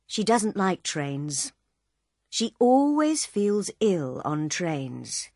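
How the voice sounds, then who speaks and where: A friendly young husband voiced by a woman narrator in a plain, easy tone. He speaks slowly in a dry, close recording. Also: on the low side, big pitch swings, darkish tone, no echo, heavily acted.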